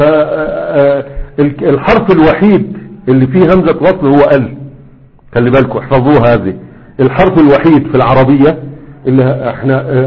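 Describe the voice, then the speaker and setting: A man teaching a classroom grammar lesson in a conversational way, often checking with his students. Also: fairly high pitch. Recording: dull lo-fi recording.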